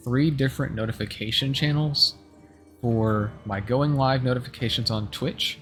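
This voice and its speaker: A man's voice: medium pitch, moderate pace, fairly bright tone, faint music behind. A man giving casual announcements as a live streamer, rambling a little and restarting his sentences to correct himself. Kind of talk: casual livestream announcements to viewers.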